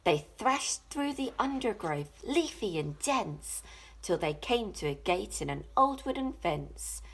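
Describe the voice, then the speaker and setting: Woman reading a picture book, very animated. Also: medium pitch, breathy edge. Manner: dramatic, deliberate, rhythmic rhyme reading. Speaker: teacher reading a storybook. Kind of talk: expressive children's picture book narration.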